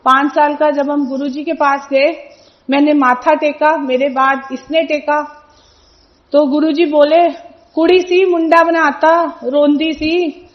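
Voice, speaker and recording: A woman's voice: sits high, highs cut off. Middle-aged woman telling a devotional story. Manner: storytelling, animated retelling of family events with quoted dialogue. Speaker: devotee sharing testimony. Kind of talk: personal testimony at a satsang.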